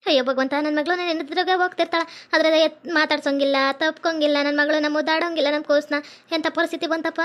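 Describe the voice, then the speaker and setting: A fussing middle-aged village mother, played by a woman in a comedy skit, talking fast. Her voice is high and fairly level. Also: close to an everyday voice. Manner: chatty, fussing, quick-talking.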